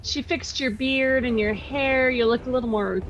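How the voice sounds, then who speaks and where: A woman's voice: high-pitched, steady tone, moderate pace, slight background noise. A woman playing a tabletop game, making dry, wry remarks in character. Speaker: player. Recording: dull lo-fi recording.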